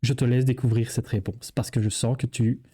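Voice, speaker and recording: A man's voice: mid-range voice, level tone, brisk, warm tone, slightly rough. A man with a Belgian French accent, presenting a board game in a chatty, joking way and talking straight to the viewer. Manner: jokey, chatty, addresses viewer as tu.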